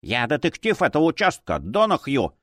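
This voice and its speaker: A man's voice: on the high side, huge pitch swings, a little fast, fairly bright tone, dry recording, studio quality, heavily acted. A man growling as a smug villainous alchemist. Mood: sly, grumbling. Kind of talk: audiobook character voice.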